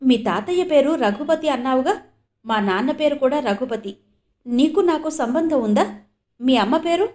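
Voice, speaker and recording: An emotional middle-aged father in an audio novel, voiced by a woman narrator. His pleading questions come slightly high and loud, earnest and urgent. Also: animated, normal speed.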